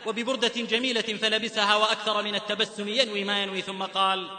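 A man's voice: high-pitched, flat delivery, fast, bright, forceful tone. A man from the Hijaz in Saudi Arabia preaching a sermon-style lecture, telling stories fervently and slipping into a chanted lilt. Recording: echoey hall reverb.

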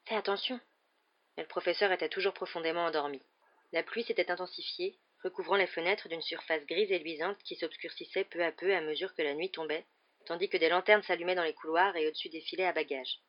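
Woman audiobook narrator, low, measured, lo-fi recording. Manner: steady, measured reading. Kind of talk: scripted narration.

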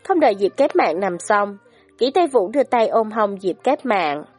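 A woman narrating a story in an expressive, dramatic storytelling manner. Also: medium pitch, normal speed, husky, soft background music. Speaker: audiobook narrator.

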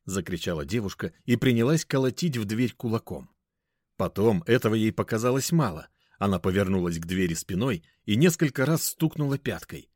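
Low-voiced guy reading a story, bouncy intonation, dry close sound. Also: expressive, fairly quick, darkish tone, no room sound. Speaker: narrator. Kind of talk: first-person audiobook narration.

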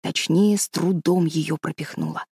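A woman narrating an audiobook story in a calm, measured storytelling voice. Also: deep voice, husky, no echo, studio quality.

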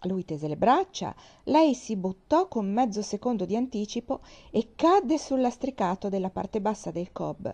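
Mellow-voiced woman reading a classic novel. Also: mid-range voice. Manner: measured, expressive reading. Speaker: audiobook reader. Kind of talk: scripted narration of a classic novel. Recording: dull lo-fi recording.

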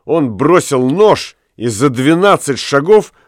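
A chattering townswoman who warns and brags in a lifted, busy voice, as a man puts her on. It is a storybook reading with lively intonation and a dry sound. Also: a little high, slow, no room sound, pitched above the performer's own voice. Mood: boasting. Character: gossipy townswoman, boastful about a strongman.

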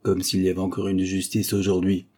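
A man voicing a menacing masked male avenger, hoarse, hissing and imperious as he makes his threats. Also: sits low, completely flat delivery, brisk, darkish tone. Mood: scornful.

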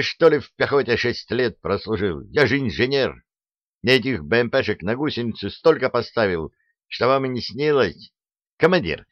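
A man voicing a hot-headed army captain technician who yells and rattles off boasts. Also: mid-range voice, no room sound, highs cut off, voice pushed up, natural voice. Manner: yelling, rapid-fire, cocky.

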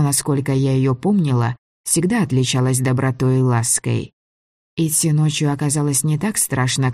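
A fantasy audiobook read in the first person with an even, measured delivery at a middling pitch. The recording is dry and close, with no room sound at all. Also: no echo. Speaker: audiobook reader.

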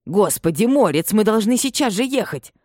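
Вспыльчивый пожилой лесничий говорит взволнованно, часто восклицает, его озвучивает мужчина-чтец. Тембр тёмный, запись сухая, без эха. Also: male voice, high-pitched, animated, moderate pace, a little mellow, no room sound, studio quality, pitched above the performer's own voice. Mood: agitated. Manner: agitated, exclamatory. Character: excitable older male forester, family man.

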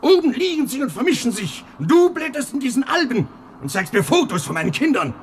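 An actor playing an aging inkwell collector in a radio play, who broods quietly and then flares up into shouting. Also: male voice, medium pitch, sing-song, unhurried, slight background noise. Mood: agitated. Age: older.

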